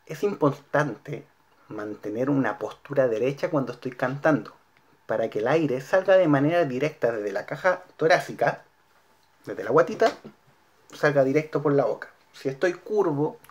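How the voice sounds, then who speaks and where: Calm Chilean man teaching singing. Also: medium pitch. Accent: Chilean Spanish. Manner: calm, clear instructional delivery with demonstrated vowels. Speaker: school music teacher. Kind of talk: recorded singing lesson for students.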